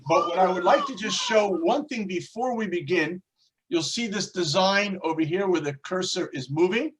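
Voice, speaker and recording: A man with a New York accent opens an online class. His voice sits a little high, and his delivery is friendly and chatty. He jokes easily as he hands over to the teacher. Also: normal speed, fairly bright tone. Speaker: host introducing a teacher.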